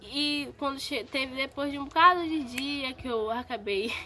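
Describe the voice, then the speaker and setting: A woman's voice: high voice, normal speed, noisy background. Chatty woman telling a personal story. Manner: chatty, repetitive, talks straight to viewers. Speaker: vlogger. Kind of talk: casual storytime vlog.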